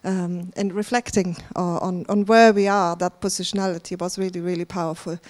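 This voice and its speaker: Speaking a little fast, this German woman's voice is on the low side, a little mellow, with fairly even intonation. As conference host, she addresses a large hall from the stage, chatting with attendees and laughing often.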